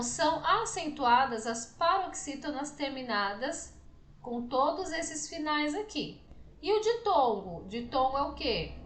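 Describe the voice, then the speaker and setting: A woman teacher with a Brazilian Portuguese accent, explaining a lesson slowly and often asking questions to check understanding. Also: high voice, fairly bright tone, echoey room. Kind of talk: slow, deliberate classroom explanation to students.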